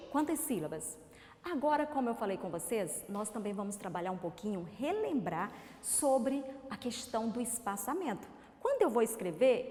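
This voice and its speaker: A Brazilian woman teaching a recorded literacy lesson to young children, sounding out words slowly syllable by syllable and asking coaxing questions. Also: a little high. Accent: Brazilian Portuguese. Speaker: primary school teacher. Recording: reverberant room.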